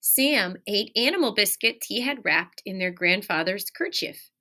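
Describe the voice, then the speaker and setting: Unhurried and animated, a woman in her thirties reads aloud from a picture book with a mid-range, sharp-toned voice. She teaches elementary school and punctuates the story with asides, emphasized key words and questions for the young listeners, sitting in a small room beside a window.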